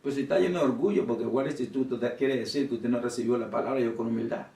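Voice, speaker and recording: Emphatic preacher in an echoey hall. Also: male voice, mid-range voice, very fast, warm tone, recorded from a distance. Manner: preaching with rising, emphatic swells and sudden drops; addresses congregation as brothers and sisters. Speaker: pastor. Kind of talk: sermon.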